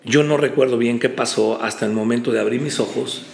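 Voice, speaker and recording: A man, a preacher guest on a podcast, telling a personal story in an animated way, often repeating words and acting out quotes. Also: medium pitch, fairly quick, vocal fry. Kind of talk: casual storytelling chat. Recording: echoey room with faint background noise.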